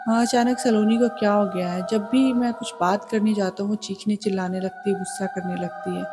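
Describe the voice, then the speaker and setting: A woman's voice: mid-range voice, fairly even intonation, brisk, natural voice. Lady voicing a confused scared young husband, pleading, music under it. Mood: worried. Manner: pleading, bewildered. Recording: music playing behind the voice.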